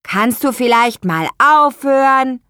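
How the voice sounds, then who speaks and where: A woman's voice: high voice, expressive, slow pace, a bit bright, smooth, dry recording, studio quality, pitched above the performer's own voice, heavily acted. A woman voicing an eager, impatient young boy in an audiobook, who exclaims a lot. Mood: excited. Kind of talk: audiobook character voice.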